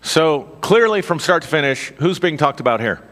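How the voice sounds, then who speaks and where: A man's voice: on the high side, expressive, moderate pace, a bit bright. Man teaching scripture in an echoing hall. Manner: conversational, asks the listeners questions, dry asides. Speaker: Bible teacher. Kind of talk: informal sermon with Bible reading. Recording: long reverb of a large hall.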